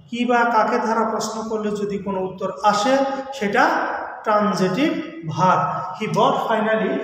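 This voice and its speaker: A high-voiced man leads a live grammar lesson. He quizzes his viewers, repeats the key terms and keeps asking them to comment. Every word rings in a cathedral-like echo with a long tail, over a faint hiss. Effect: cathedral-like echo bouncing off the walls. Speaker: teacher. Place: bare room with hard walls.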